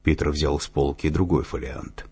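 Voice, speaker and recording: A man narrating an audiobook in a steady, even reading voice. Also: rumbling low, normal speed, breathy edge. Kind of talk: scripted narration.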